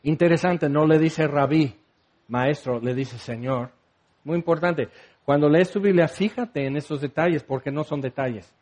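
Man, high-pitched voice, preaching a sermon, impassioned, questions the congregation directly, acts out scripture voices. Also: normal speed, a little mellow. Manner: acts out the words of biblical figures.

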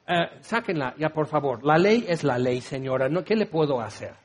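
A man's voice: a little high, animated, normal speed, voice pushed down. A man voicing a cynical, hardened, corrupt rich tax collector who shrugs off a widow's pleas. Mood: dismissive. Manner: dismissive, shrugging.

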